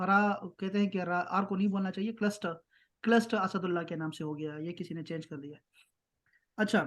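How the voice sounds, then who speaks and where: A man teaching an online grammar class. He keeps checking that students follow and slows right down to spell out terms. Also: high voice, fairly even intonation, a bit bright. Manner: patient, keeps checking with "ٹھیک ہے؟".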